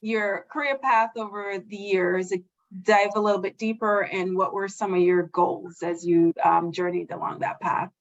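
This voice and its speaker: On a video call with slightly dull audio, a facilitator and board member leads a virtual panel in a chatty, friendly manner with plenty of fillers. Her mid-range voice is steady and measured.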